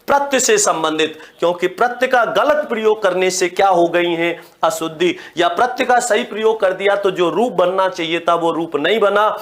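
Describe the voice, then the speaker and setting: A man's voice: sits high, moderate pace, few pauses. A man teaching a grammar lesson, who keeps repeating the key words and asks questions that he then answers himself, speaking straight to his students. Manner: directly addresses students as brothers and sisters.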